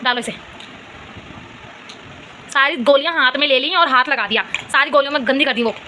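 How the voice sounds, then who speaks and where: A woman's voice: sits high, brisk, sharp tone, slight background noise. A young woman vlogging at home, talking with her small daughter and the viewers, by turns coaxing and scolding. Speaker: vlogger and mother. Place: home, indoors.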